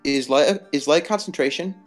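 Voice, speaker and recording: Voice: mid-range voice, moderate pace, faint music behind. A player in a tabletop game talking casually, restarting and correcting himself as he goes. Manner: rambling, self-correcting.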